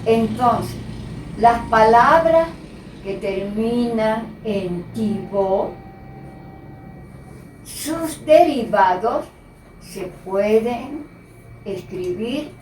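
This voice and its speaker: A woman teacher giving a slow, patient spelling lesson and repeating the key words. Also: on the high side, lively intonation, slight background noise. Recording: echoey room, voice from a distance.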